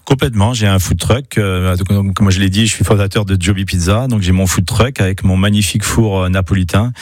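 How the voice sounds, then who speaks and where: A man's voice: low voice, fairly even intonation, a little fast, darkish tone, no room sound, studio quality. A man, a pizza chef interviewed on local radio, speaking hesitantly with many fillers. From France.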